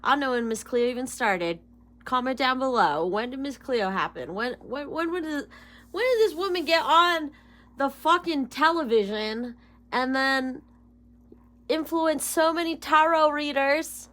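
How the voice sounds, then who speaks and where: Her voice sits high and a bit bright, with lively intonation and a measured pace. She is a tarot reader in her thirties chatting casually to viewers in a rambling vlog, swearing freely and bursting into giggles.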